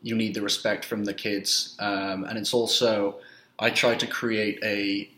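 Flat-voiced young man from Wales. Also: fairly low pitch. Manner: halting, many fillers, measured. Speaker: youth soccer coach, guest. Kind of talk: casual interview answers. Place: small indoor room. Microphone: laptop webcam. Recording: roomy webcam audio.

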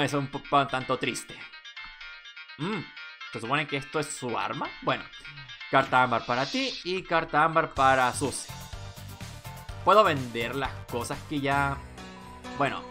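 A woman giving casual let's play commentary, thinking aloud as she goes. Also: very deep voice. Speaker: gamer and amateur dubber. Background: game music.

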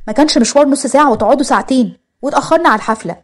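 A fussy, quick-tempered young wife in a storybook reading, scolding in a raised voice, played by a woman narrator. Husky and rushed. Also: sits high, pitched above the performer's own voice. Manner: complaining, raised voice.

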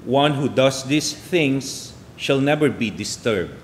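A man's voice: medium pitch, lively intonation, takes it slowly, a little hiss or hum. A man serving as cantor, chanting the psalm and singing the Alleluia with a melodic, sweeping delivery, heard in a cathedral echo. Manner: melodic sung delivery with wide swings. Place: large church. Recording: long church reverb with music.

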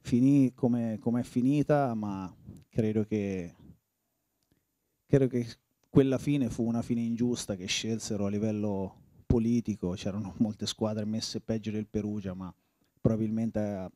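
Italian man in his forties, very dark mellow low voice, dry close sound, halting reflective storyteller. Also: no room sound. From Italy. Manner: reflective, halting, often restarts phrases. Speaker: former footballer. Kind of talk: reminiscing interview.

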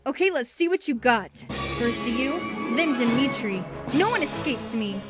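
A woman's voice: high voice, animated, moderate pace, loud music behind the voice. A woman voicing a tough, hot-tempered young fox policewoman, indignant and determined, in a cartoon comic fan dub. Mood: stern, confident.

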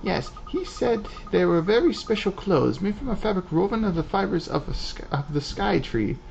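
A man's voice: sits high, very animated, moderate pace, vocal fry, a little mellow, highs cut off, a little hiss or hum, pitched above the performer's own voice, full character voice. A man voicing a fussy old shopkeeper lady who hoots like an owl. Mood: prim. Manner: prim, hooting.

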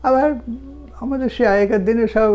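A woman teaching French numbers, counting them out slowly one by one and explaining pronunciation step by step. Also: fairly high pitch, fairly even intonation, darkish tone, highs cut off. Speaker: language teacher. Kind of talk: slow, deliberate language lesson.

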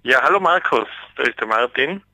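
A man's voice: mid-range voice, expressive, a little fast, bright, forceful tone, slight background noise. A man calling into a radio show over a telephone line, eager and searching for words with fillers as he asks his question. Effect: voice over a landline telephone line. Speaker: radio call-in caller. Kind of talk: casual call-in question.

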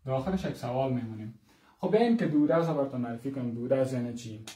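A man teaching English grammar, repeating example sentences slowly and asking the class rhetorical questions. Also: mid-range voice, animated, mellow, roomy sound, far from the mic. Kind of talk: grammar lesson.

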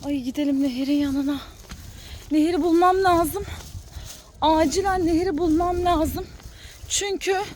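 Very high-voiced excitable woman vlogger. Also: a little slow, long pauses, a little hiss or hum. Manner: excited, cooing to kittens, addresses viewers as friends. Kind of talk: kids' channel vlog narration.

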